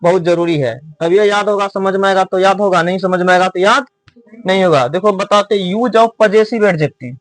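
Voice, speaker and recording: A teacher stands before his class and drills them in a slow, repetitive rhythm. He spells words letter by letter and throws questions back at the students for them to answer. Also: high voice, no room sound. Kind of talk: classroom lesson.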